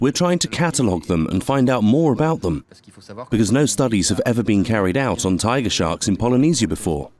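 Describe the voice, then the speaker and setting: A man's voice: lowish voice, darkish tone. A man giving plain, explanatory commentary as a diver and observer in a nature documentary.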